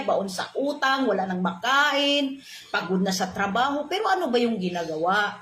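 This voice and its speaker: Emphatic preachy woman in an echoey room. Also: a little high. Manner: preachy, emphatic, rhetorical questions, mixes English phrases. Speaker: motivational speaker. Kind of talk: motivational talk. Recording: echoey room with faint ambient noise.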